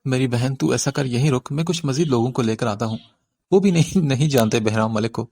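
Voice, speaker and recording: A man's voice: medium pitch, a little mellow, no room sound, studio quality, natural voice. A man reading an audiobook voices a young male street thug who wheedles and then whispers in fright. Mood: wheedling, nervous. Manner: wheedling, nervous whispers to his friend.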